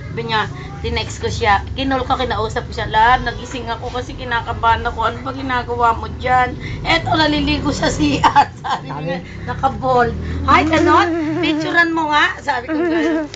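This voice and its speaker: A woman telling a lively story in a casual home video, acting out both sides of a phone quarrel as she goes. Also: high voice, moderate pace, highs cut off. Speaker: storyteller recording a video message. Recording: noisy home video recording.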